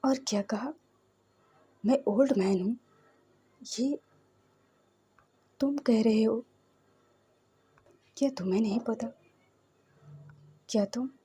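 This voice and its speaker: A woman's voice: on the high side, warm tone, a little hiss or hum. A woman voicing a possessive, domineering man of thirty, speaking in an intense, half-whispered, commanding way.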